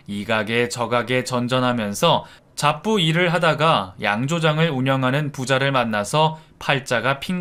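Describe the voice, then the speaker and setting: A man's voice: medium pitch, a bit bright. A man narrating a first-person family drama story in an emotional, confessional way.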